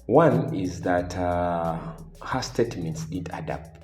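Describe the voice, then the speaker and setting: Deep-voiced man commentating in an echoey room. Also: animated, darkish tone. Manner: deliberate, repeats phrases for emphasis. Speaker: reaction video commentator. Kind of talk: opinionated commentary addressed to viewers. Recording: echoey room with faint music.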